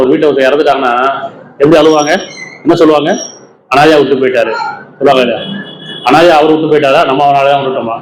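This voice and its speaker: A man delivering a religious sermon, posing rhetorical questions to his listeners. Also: on the high side. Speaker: preacher. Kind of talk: Islamic sermon in Tamil. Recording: echoey room with faint ambience.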